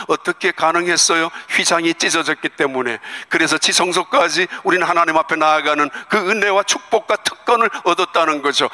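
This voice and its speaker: A middle-aged male pastor delivers a sermon in a high, ringing voice. He moves between soft, almost whispered lines and soaring, cried-out peaks. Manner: dramatic swings from hushed to cried-out passages.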